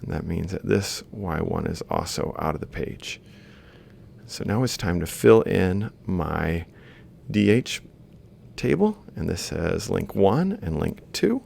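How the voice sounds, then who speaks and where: Deep, slow, and creaky with a slightly mellow quality, this man's voice is also very animated. He gives a university lecture explaining worked examples, seated in a small book-filled office with a large desk mic close to his mouth.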